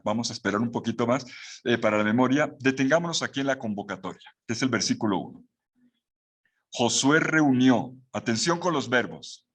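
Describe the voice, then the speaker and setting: A man's voice: medium pitch, breathy edge. A man giving a Bible course lecture with a Latin American Spanish accent, explaining patiently with rhetorical questions and restarts. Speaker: Bible teacher.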